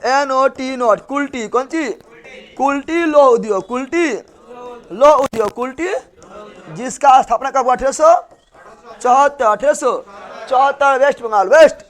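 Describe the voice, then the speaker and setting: A man's voice: very high-pitched, normal speed, long pauses. A male teacher, giving a classroom lecture and drilling students with repeated questions and answers.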